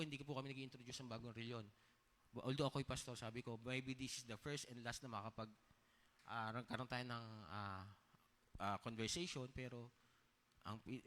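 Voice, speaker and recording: A man's voice: medium pitch, fairly bright tone. A man preaching a sermon as pastor, telling personal stories in a conversational tone and often checking in with the congregation through short questions. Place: church hall. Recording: long reverb of a church hall.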